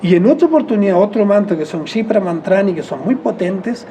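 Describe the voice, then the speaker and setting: A Chilean man being interviewed, speaking in a mellow, warm tone. He wanders through his thoughts, restarts phrases and corrects his words as he goes. A faint hum of background noise sits beneath his voice. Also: sits high, expressive, brisk. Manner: rambling, self-correcting, with soft chuckles. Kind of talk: reflective conversational explanation.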